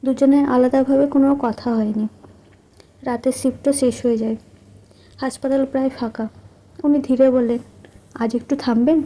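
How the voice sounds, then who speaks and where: A woman narrates a romantic story in the first person, in a soft, intimate and measured way. Her voice sits high but sounds deeply warm and mellow, never sharp. She reads like a storyteller drawing the listener close. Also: steady tone.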